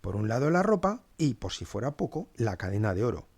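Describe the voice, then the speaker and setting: Man as a sardonic manservant, mid-pitched, dry close sound, storybook podcast. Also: sing-song, a little fast, gravelly, a little mellow, breathy edge, no echo, full character voice. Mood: wry. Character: Sosia, wry cynical male servant. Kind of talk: scripted two-hander narration.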